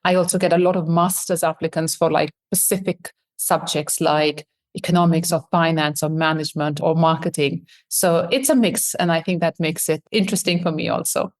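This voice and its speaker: A woman's voice: sits low, fairly even intonation, normal speed, hardly any pauses. A woman in her thirties from Pakistan, an admissions consultant answering interview questions in a friendly, reflective way.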